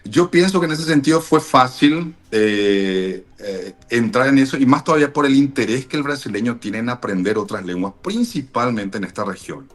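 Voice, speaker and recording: A Paraguayan man being interviewed, explaining things in a measured way with frequent fillers and restarts. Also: medium pitch, animated. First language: Spanish. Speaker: interview guest, language teacher. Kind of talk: thoughtful explanatory interview answers.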